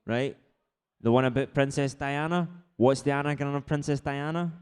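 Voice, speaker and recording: Informal male quiz host, medium-pitched. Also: moderate pace, darkish tone, clean tone. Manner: informal explaining with frequent check-in tags. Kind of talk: casual live pub quiz hosting.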